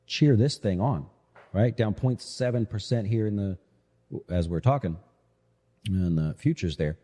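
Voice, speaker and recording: On the low side and warm in tone, this man's voice leads a live financial show; he's also an investment manager. He talks through the markets in a casual, conversational way, often asking rhetorical check-in questions. His voice echoes with hall-like reverb.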